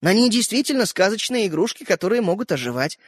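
A man voicing a tiny, boastful and sly living toy boy in a storybook, cheeky and excitable. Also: high voice, fast talker, husky, no echo, studio quality, exaggerated voice. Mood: cheerful.

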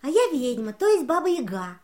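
A woman's voice: high-pitched, moderate pace. A woman playing a young, mischievous, kind-hearted little witch in a children's audio drama, girlish and playful. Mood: lively, friendly. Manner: animated, girlish, impish.

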